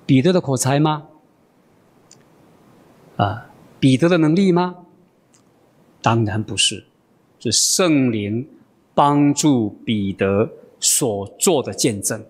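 A man preaching a sermon with expressive delivery and frequent drawn-out fillers. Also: mid-range voice, long reverb tail.

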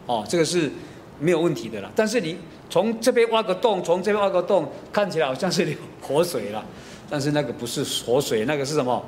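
A man's voice: on the high side, expressive, quick pace, a little hiss or hum. A middle-aged man with a Taiwanese Mandarin accent preaching a sermon. He tells stories with many fillers and slips into Taiwanese.

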